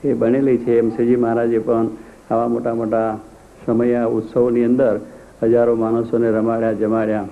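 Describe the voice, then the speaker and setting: A man's voice: medium pitch, monotone, normal speed. A man giving a devotional discourse, telling stories with repeated, emphatic phrases. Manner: storytelling, repetitive emphatic phrasing. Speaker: religious speaker. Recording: tinny phone-like, faint noise.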